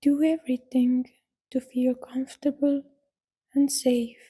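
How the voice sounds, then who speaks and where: Speaking in a soft, breathy voice that sits high, a woman guides a scripted yoga nidra relaxation with a flat delivery. She soothes and instructs gently, pausing at length between directions.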